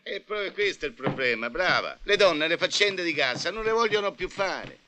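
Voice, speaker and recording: A man's voice: high voice, lively intonation, normal speed, noisy background. An actor playing a self-pitying middle-aged businessman in a film comedy, plaintive and wheedling. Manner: plaintive, wheedling, then blustering. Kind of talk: 1980 film comedy acting.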